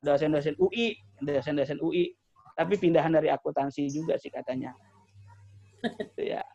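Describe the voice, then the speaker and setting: A man's voice: fairly high pitch, normal speed, vocal fry, warm tone. A man preaching a light-hearted religious talk, joking with his audience between points. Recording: dry, slightly dull sound.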